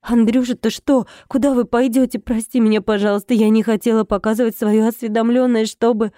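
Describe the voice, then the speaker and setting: A woman's voice: a little high, flat delivery, a little fast, dark tone, dry recording, clean studio sound, close to an everyday voice. A woman voicing a middle-aged mother who pleads and apologizes in a fluster. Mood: pleading.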